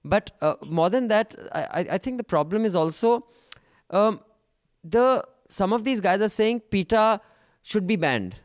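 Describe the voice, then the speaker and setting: A man's voice: high-pitched, expressive, a little slow, no echo. North Indian man hosting, dry close sound. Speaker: discussion host. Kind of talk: panel discussion, casual opinion mixing in Hindi.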